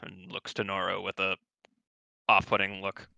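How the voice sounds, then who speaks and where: Relaxed, swearing dungeon master, a man with a bright, crisp voice. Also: low-pitched, normal speed, no room sound, highs cut off. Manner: casual, laughing, swears freely. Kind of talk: narrating a tabletop game.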